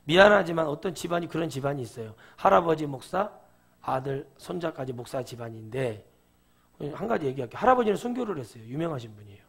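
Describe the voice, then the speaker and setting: High, gravelly-voiced male pastor preaching. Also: expressive, fast talker. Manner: conversational preaching with rhetorical questions to the congregation. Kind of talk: sermon. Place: church sanctuary.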